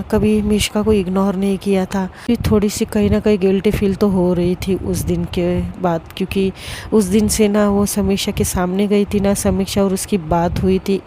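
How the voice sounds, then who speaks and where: A young woman narrating a serialized love story slowly and deliberately, often restarting her words. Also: medium pitch, mellow, slight background noise. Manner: slow, deliberate, with frequent restarts.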